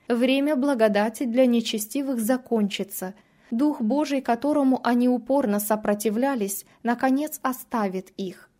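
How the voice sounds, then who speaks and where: A woman with a fairly high voice reads a devotional religious text aloud. Her delivery is measured and solemn, a scripted reading throughout. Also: darkish tone.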